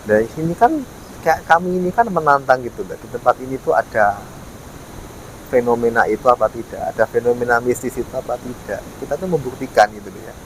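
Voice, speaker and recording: A man's voice: medium pitch, expressive, a little fast, low-quality recording. A man talks casually to camera as a vlogger, explaining and repeating his points. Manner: explanatory, repeats himself, frequent tag words. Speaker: ghost-hunting vlogger. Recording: faint ambient and vehicle noise.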